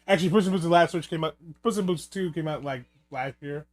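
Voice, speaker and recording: A man's voice: a little high, fast. A man giving casual, rambling and joking film commentary, with some swearing. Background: film soundtrack music.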